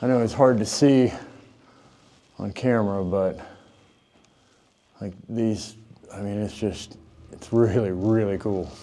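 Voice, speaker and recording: Casual male vlogger with a lowish voice, recorded echoing in a cave over faint noise. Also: fairly even intonation, takes it slowly, long pauses, mellow. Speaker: vlog host. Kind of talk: casual walk-through vlog. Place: inside a large limestone cave.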